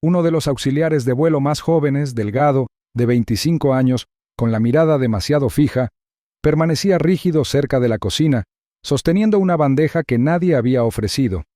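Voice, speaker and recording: Male narrator, mid pitch, mellow and dry, measured suspense reading. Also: dry recording. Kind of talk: scripted narration.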